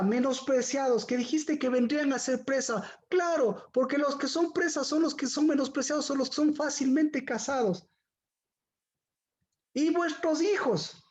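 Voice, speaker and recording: Lady teaching bible stuff, high voice, keeps asking the room questions, kinda muffled audio. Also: darkish tone. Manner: asks many rhetorical questions to the listeners.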